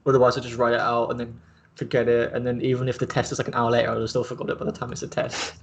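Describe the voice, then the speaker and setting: A young adult man hosting a casual chat, talking in a relaxed, rambling way with plenty of filler words. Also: medium pitch, very fast, creaky. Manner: relaxed, rambling, heavy use of 'like'. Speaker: host.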